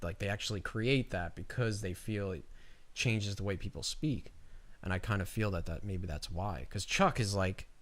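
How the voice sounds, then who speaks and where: A man's voice: low voice, normal speed, fairly bright tone. A man co-hosting a podcast in a casual, profane and talkative way. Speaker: podcast co-host. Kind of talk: casual chat.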